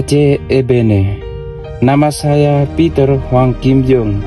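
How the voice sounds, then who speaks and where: A man's voice: mid-range voice, mellow. A young adult man from Vietnam, speaking, giving a reflective testimony of his vocation as a Capuchin friar. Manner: slow, measured, reflective. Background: music.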